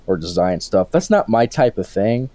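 An eighteen-year-old man co-hosts a casual podcast, his voice on the low side, warm and very animated, at a normal speed with no room sound. He rambles, interrupts himself, and keeps restarting his sentences.

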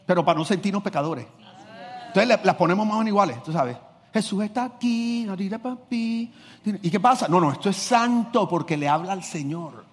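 A pastor with a fairly high, husky voice preaches a sermon, talking fast with lively intonation. He shifts between loud, driving emphasis and quiet, confiding asides, acting out little scenes along the way. A long church-hall reverb hangs on the sound.

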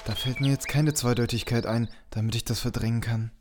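A man's voice: medium pitch, fairly even intonation, fairly quick, background noise, lightly acted. A man as a flippant wisecracking hunter. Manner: flippant, joking. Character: lazy, wisecracking male hunter adventurer.

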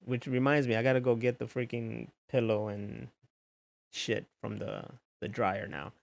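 Man with a gravelly, mid-pitched voice; loose, animated monologue peppered with swearing. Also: measured pace. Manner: loose, profane, animated retelling. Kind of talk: casual storytelling monologue.

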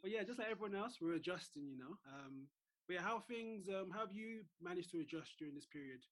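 A man's voice: sits high, expressive, quick pace, a bit bright. A man hosting a sports business podcast from home, friendly and hesitant with many fillers. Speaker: podcast host. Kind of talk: casual podcast interview.

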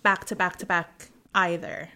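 A woman's voice: fairly low pitch, flat delivery, measured pace, bright, forceful tone. A woman co-hosting a podcast in casual, unscripted conversation. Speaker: podcast co-host. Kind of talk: casual chat.

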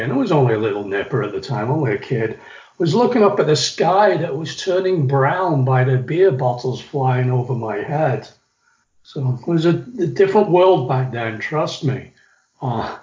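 Reminiscing as an interview guest, a middle-aged man from England recounts his youth in a reflective storytelling style, now and then restarting. He speaks in a mid-range, slightly mellow voice on an echoey, somewhat dull recording.

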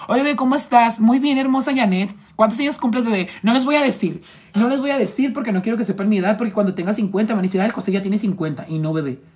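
A makeup artist from Tijuana with a northern Mexican accent, chatting flamboyantly and teasingly on a phone live stream while reading viewers' comments. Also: male voice, sits high, fast, darkish tone, husky.

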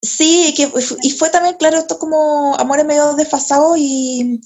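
A young Chilean woman with a Chilean Spanish accent tells a story from her own life in loose, slangy chat. Her voice sits a little high, and she swears freely. She laughs often as she goes. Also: fairly even intonation, moderate pace, a little mellow. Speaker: podcast host.

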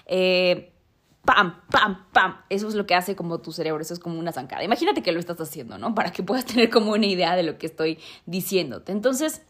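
Podcast host, woman, low-pitched, casual and chatty, lots of fillers. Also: darkish tone. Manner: chatty, many fillers and tag questions. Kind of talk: casual explanatory talk.

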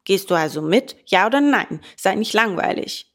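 A woman voicing a sly, lazy schoolboy in a storybook reading, coaxing his friend in a lowered voice. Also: animated, normal speed, a bit bright. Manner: low, coaxing, persuasive.

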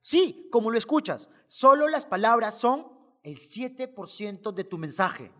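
A woman's voice: a little high, very animated, unhurried, sharp tone. A woman coaching public speaking in an emphatic motivational talk, full of rhetorical questions and repetition.

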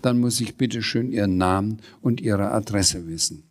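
A man voicing a laid-back, chatty male fire dispatcher who talks in an unhurried, drawling way in a storybook reading. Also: lowish voice, close to an everyday voice.

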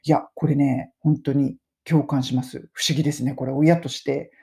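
A middle-aged woman hosting a casual spoken lesson, chatting and slowly modelling English phrases for listeners to repeat. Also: very deep voice, steady tone, creaky, dark tone. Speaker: English pronunciation teacher and podcast host.

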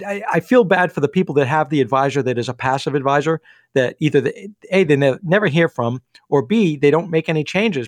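Man, financial advisor, rapid, slightly high voice, dry studio sound. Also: dry recording. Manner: quick, energetic, many restarts and fillers. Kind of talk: radio show discussion.

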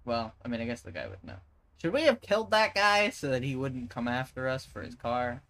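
A man chatting at a tabletop game, rambling through spell rules with plenty of fillers. His voice sits at an ordinary middle pitch. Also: sing-song, fairly quick, fairly bright tone, rough recording. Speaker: player. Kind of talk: casual tabletop game chat.

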